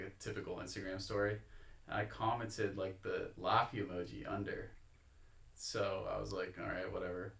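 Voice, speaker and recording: A man with a lowish voice tells a story in a laid-back way, playing out the lines he quotes. He sounds roomy and echoey, with a faint hiss of noise behind him. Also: vocal fry. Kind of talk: casual podcast chat.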